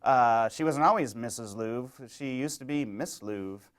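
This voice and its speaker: A young adult man hosting a mock-educational comedy monologue, rambling and deadpan with many fillers. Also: medium pitch, measured pace. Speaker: comedy show host.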